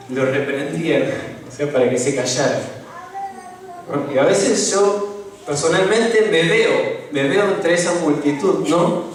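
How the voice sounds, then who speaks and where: A young lay preacher with a Rioplatense Spanish accent gives a relaxed, chatty sermon in a church hall, frequently questioning the congregation and leaning on tag questions. His voice is fairly high, with a slight hiss or hum. The audio is echoey, captured from a distance in the church.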